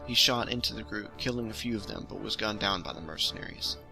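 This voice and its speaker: A man with a lowish, fast voice and some vocal fry hosts a storytelling series, casually reading his own science fiction story like an amateur. The recording is rough, and music plays beneath his voice.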